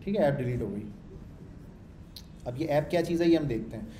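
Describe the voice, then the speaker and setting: A man's voice: mid-range voice, lively intonation, fairly quick, mellow, echoey room, slight background noise. A man walking through a coding tutorial in a chatty way, asking and answering his own questions and repeating his points. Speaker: programming instructor. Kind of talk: screen-share coding tutorial.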